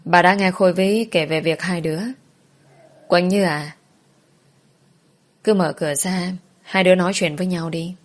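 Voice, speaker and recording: A woman reading as a kindly elderly grandmother in a spoken story. She talks softly, in a slightly low voice, and coaxes gently and patiently. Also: fairly even intonation, normal speed, pauses often, lightly acted. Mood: coaxing.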